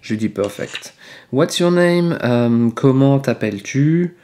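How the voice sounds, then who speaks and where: A man's voice: medium pitch, animated, takes it slowly, darkish tone. A man teaching French in a casual video lesson, explaining patiently with frequent hesitations. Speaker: French teacher, channel host. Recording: roomy echo.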